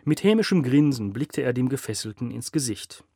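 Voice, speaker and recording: A man reading a crime novel aloud as narrator, with measured storytelling and dramatic emphasis. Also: medium pitch, lively intonation, warm tone, no echo, clean studio sound.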